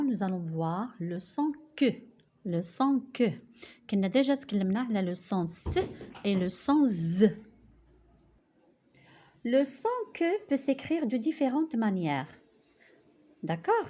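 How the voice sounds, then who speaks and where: A woman, a primary teacher giving a remote lesson, explaining slowly and patiently step by step. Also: medium pitch, warm tone. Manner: slow, patient, explains step by step, mixes in Arabic.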